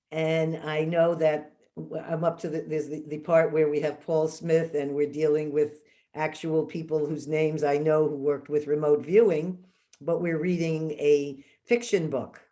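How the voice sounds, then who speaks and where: Woman, podcast host, inquisitive, rambling questions, mellow voice. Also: sits low, steady tone, measured pace. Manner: inquisitive, with long winding questions. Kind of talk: interview questions.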